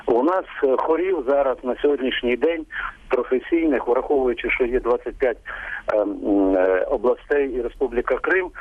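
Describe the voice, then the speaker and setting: A man's voice: mid-range voice, slightly rough, no room sound. A man, a choir conductor, speaking as a phone guest on a radio interview, frankly explaining his view with everyday comparisons. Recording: dry, tinny phone line.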